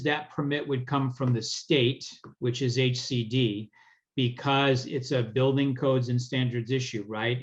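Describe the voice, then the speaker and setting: A man, a legal counsel, giving a relaxed, friendly townhall presentation and answering questions on a video call. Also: medium pitch, muffled recording.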